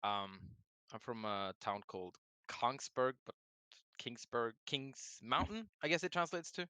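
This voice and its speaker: Bright, smooth Norwegian-accented man. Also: mid-range voice, unhurried, dry recording. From Norway. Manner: friendly, relaxed, self-correcting. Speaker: game designer guest. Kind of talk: casual interview.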